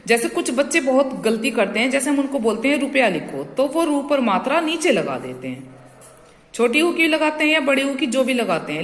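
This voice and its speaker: Echoey higher-voiced woman teaching grammar. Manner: explains patiently, drawing out example sounds and checking "clear?"; addresses students as "beta". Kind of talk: classroom-style grammar lesson. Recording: echoey room with long reverb.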